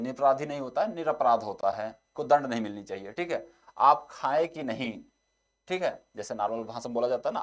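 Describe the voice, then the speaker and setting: A young man teaching an exam-prep lesson. He keeps repeating the same short filler and reads each example sentence slowly. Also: medium pitch.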